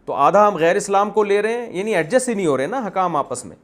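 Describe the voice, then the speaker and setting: A man's voice: high-pitched, lively intonation. A man giving a religious lecture as an Islamic scholar, emphatic and argumentative, repeating phrases for stress.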